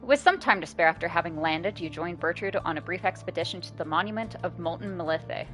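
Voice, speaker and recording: A woman's voice: lowish voice, fairly quick, a bit bright, faint music behind. A woman playing a game, reading the story text aloud with casual, sweary asides. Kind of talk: casual game playthrough with read-aloud narration.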